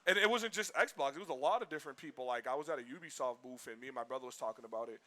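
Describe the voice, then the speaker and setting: Brief: man for a stream co-host, rambling and animated, crisp bright tone. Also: mid-range voice, racing. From Boston, US. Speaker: livestream co-host. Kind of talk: casual chat.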